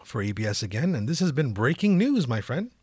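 Male comedy talk host: animated, mock-official, casual news banter, dry studio sound. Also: mid-range voice, a little fast, slightly rough, dry recording. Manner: jokey, mock-official, chuckles often.

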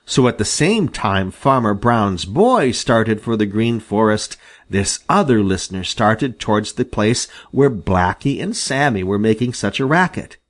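A man reading a children's animal story aloud with an expressive, lively delivery. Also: on the low side, unhurried. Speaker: audiobook reader. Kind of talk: storybook narration.

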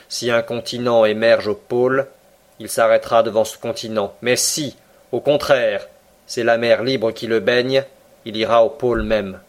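A cool, commanding sea captain, read by a man, who speaks slowly and with quiet irony. His lines are measured and deliberate, as in a storybook reading. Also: medium pitch, natural voice. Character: calm ironic male submarine captain, commanding. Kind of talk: audiobook character reading.

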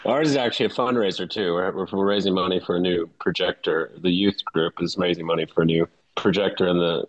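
A man's voice: sits low, steady tone, fast talker, muffled recording. A man co-hosting a podcast, chatting casually in a rambling, jokey way and often repeating his phrases. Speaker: podcast co-host and Anglican pastor. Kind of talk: casual chat.

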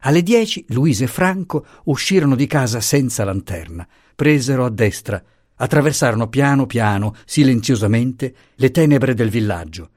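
A man narrating an audiobook chapter with expressive, dramatic storytelling. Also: medium pitch, no room sound, studio quality.

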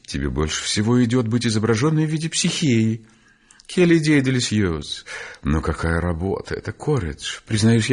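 A man's voice: medium pitch, a little mellow. A man reading an audiobook voices a gushing aristocratic lady, fluttery and exclaiming, dropping French phrases.

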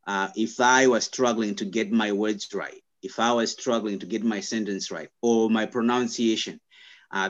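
A young man from Zimbabwe, a guest in an interview, speaking thoughtfully and haltingly with many restarts and fillers. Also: lowish voice, lo-fi sound. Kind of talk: conversational interview.

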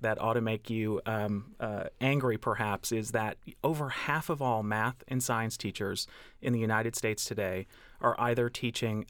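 A man's voice: lowish voice, a bit bright, no room sound. A man speaking as a representative of an education nonprofit, earnest and citing statistics. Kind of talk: radio interview.

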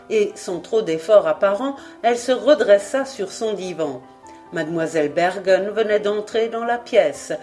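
Brief: female audiobook narrator, mid-pitched, measured and expressive, faint music underneath. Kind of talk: scripted narration of a novel. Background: faint background music.

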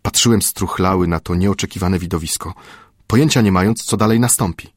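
A middle-aged man reading a classic adventure novel aloud in a measured, steady storytelling manner. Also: low voice, no room sound, clean studio sound. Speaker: audiobook narrator. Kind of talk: scripted literary narration.

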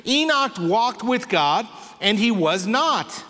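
A man preaching in a slow, easy, conversational way, his voice sitting fairly high for a man. He slips in wry asides along the way. The sound carries the long ring of a big church sanctuary. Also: big pitch swings, pushed and bright. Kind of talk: sermon. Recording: long reverb of a large hall.

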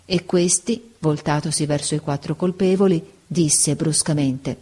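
A woman narrating a story aloud in an expressive, deliberate audiobook reading. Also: deep voice, breathy edge.

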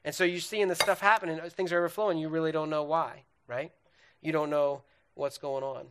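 A man's voice: fairly high pitch, fairly even intonation, fairly quick, a bit bright, clear, resonant tone. A young man giving an earnest, conversational sermon on relationships, speaking straight to his listeners and often checking in with "right?". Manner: lists questions and feelings one by one.

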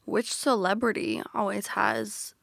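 A woman's voice: medium pitch, steady tone, measured pace, vocal fry, a bit bright, no room sound, clean studio sound. A young adult woman co-hosting a podcast in casual, informal chat, often peppered with filler "like". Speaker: podcast co-host.

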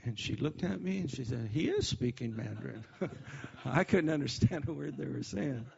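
A man preaching at a church service, his voice gravelly and husky. He talks in a folksy, joking way, dropping amens and praise Gods between points. The recording is dull and lo-fi. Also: on the high side, expressive, moderate pace. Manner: folksy, joking, peppered with "amen" and "praise God". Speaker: missionary preacher. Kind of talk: sermon.

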